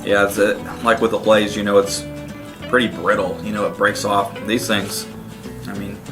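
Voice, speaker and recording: A man's voice: lowish voice, little pitch movement, normal speed, over music. A man co-hosting a casual food review, plain-spoken as he explains what he thinks. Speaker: co-host of a snack review show.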